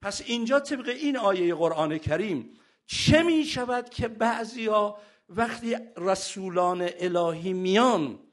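A man preaching a sermon, asking rhetorical questions and drawing out scripture slowly. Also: sits high.

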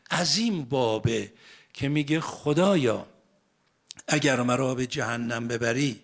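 A man giving a sermon, drawing out quoted verses slowly and then explaining them in everyday speech. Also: medium pitch. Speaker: cleric giving a religious lesson. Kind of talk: Persian sermon with Arabic quotations.

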